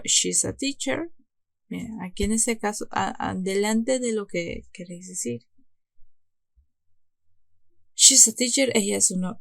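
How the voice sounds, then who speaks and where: A woman teaches an English lesson, moving patiently through grammar rules and pausing to restart her phrases. Her voice has a gravelly, fried edge at a middle pitch. The sound is close and dry, with no room around it. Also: no echo. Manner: explains step by step, many restarts, reads English examples slowly.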